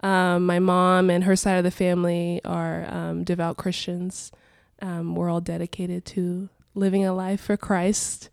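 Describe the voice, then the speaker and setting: A woman's voice: fairly low pitch, flat delivery, measured pace, gravelly, hardly any pauses, clear, resonant tone, no room sound, studio quality. A young woman from Angola and Portugal, introducing herself conversationally as a guest, her voice congested by a cold. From born in Angola, grew up in Portugal. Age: young adult. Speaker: podcast guest, worship singer.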